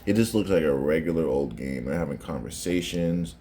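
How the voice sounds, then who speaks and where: A man's voice: extremely low pitch, lively intonation, a little fast, dark tone, a little hiss or hum. A man giving casual, conversational reaction commentary on sports footage, often repeating phrases for emphasis.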